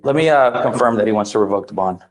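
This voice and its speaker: A man's voice: fairly low pitch, quick pace. A male defense attorney in a courtroom, casual and agreeable, often answering in short replies. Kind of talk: courtroom discussion.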